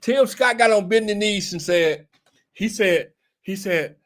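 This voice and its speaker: A show host who's a little tipsy delivers casual political commentary in a high-sitting, unhurried voice, laughing, rambling and repeating himself often.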